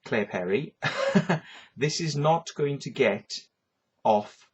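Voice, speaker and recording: A vlogger from Wales, speaking with a Welsh accent, launches into a rambling ranting monologue to camera, swearing and tagging lines with "yeah" and "right." His medium-pitched voice is animated yet slow and slightly rough.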